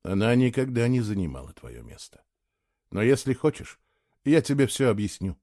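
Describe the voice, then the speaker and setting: A man voicing a grown man who speaks low and firm, a jealous lover turning tender, in a storybook reading. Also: big pitch swings, normal speed, a little mellow, dry recording, studio quality. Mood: tender, hushed.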